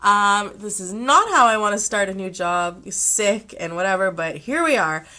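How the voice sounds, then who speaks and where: A young woman with a sick, slightly rough voice, chatting casually to her channel with rambling asides and throat-clearing. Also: medium pitch, expressive, normal speed, sharp tone. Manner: chatty, rambling, self-amused. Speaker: vlogger. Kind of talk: casual chat.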